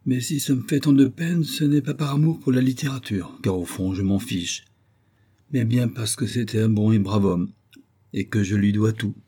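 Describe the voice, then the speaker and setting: A man's voice: lowish voice, normal speed, mellow, slightly rough. A man reading an audiobook, voicing a middle-aged male actor who is shaken by grief and speaks in a colloquial, emotional way. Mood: grieving.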